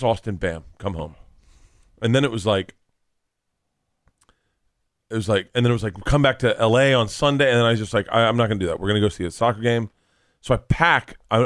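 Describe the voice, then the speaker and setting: A young adult man with a lowish voice co-hosts a podcast, telling rambling stories in casual chat, swearing, and acting out what people said. The sound is clean studio audio with no echo.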